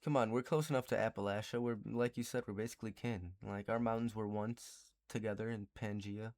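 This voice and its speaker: A young man hosting a casual livestream podcast, talking in a joking, rambling way with quick laughs. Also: lowish voice, steady tone, darkish tone. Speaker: podcast host.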